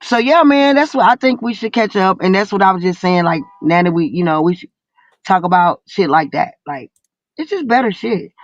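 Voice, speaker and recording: A woman's voice: mid-range voice, animated, moderate pace, no echo. A woman in her forties from the American South with a Southern drawl, chatting casually in a slangy, profane, teasing way. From Southern United States. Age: 40s. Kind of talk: casual group voice chat. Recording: muffled, band-limited voice call.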